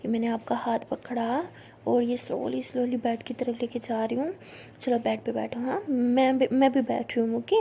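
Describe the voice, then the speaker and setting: A woman voicing a playful, teasing young woman who tells spooky tales in a hush and comforts her friend. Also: fairly high pitch, little pitch movement, moderate pace, gravelly, a little hiss or hum. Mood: soothing. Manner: teasing, then soothing; hushed spooky storytelling.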